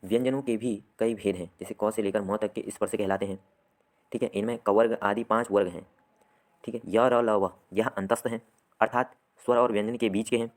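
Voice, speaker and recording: A man's voice: fairly low pitch, fairly even intonation, a little fast. A man teaching a grammar lesson to students. He poses questions, answers them himself, and keeps checking in with "theek hai.". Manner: repeats "theek hai" often.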